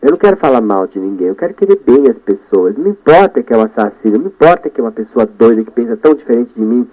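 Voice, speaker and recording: A Brazilian man hosting a radio show, talking in a lively monologue and coaching himself aloud, going from loud bursts to soft murmurs. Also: medium pitch, quick pace. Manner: animated, talks to himself, shifts between loud and soft. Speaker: radio host. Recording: dull lo-fi radio broadcast.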